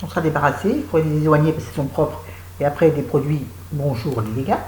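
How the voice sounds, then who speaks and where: A low-pitched woman talks casually to her viewers from home, chatty and self-mocking, wandering from thought to thought. Her voice sits deep for a woman, the room adds a noticeable echo, and a faint hum of ambience runs underneath. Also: fast talker, darkish tone. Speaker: vlogger. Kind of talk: casual chat to camera.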